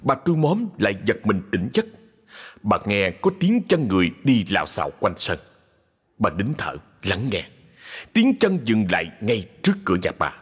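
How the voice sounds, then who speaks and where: A man narrating a ghost story in a dramatic scripted style, slowing for suspense. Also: lowish voice, huge pitch swings. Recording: husky voice in long reverb with music.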